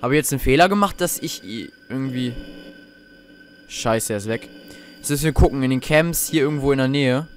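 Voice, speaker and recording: A young let's play host talks under his breath at a medium pitch and a slightly quick pace while commenting on the horror game he's playing. He's jumpy and swears as he goes, mostly talking to himself.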